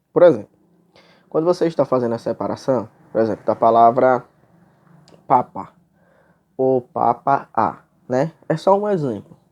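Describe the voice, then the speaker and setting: Male high school teacher with a Brazilian accent, warm mellow tone, patient explanatory lecture style. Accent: Brazilian Portuguese. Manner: explanatory, checks in with frequent tags. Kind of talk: classroom lecture.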